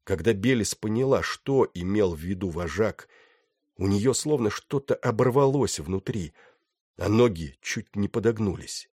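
A man narrating a novel with steady, dramatic storytelling. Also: lowish voice, a little slow, breathy edge, dry recording, studio quality. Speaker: audiobook narrator. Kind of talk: scripted narration.

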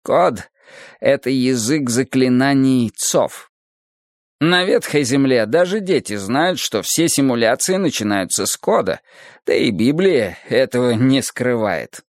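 A man voicing a calm philosophical teacher. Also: medium pitch, dry recording, studio quality, voice pushed up, natural voice. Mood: musing. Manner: slow, measured, lecturing. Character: calm philosophical male teacher, gently sorrowful. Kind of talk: audiobook character reading.

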